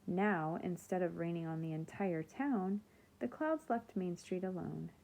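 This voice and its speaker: A woman teacher reading a children's chapter book aloud in a calm, expressive narrating voice. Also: lowish voice, measured pace, vocal fry, muffled recording. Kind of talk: storybook read-aloud.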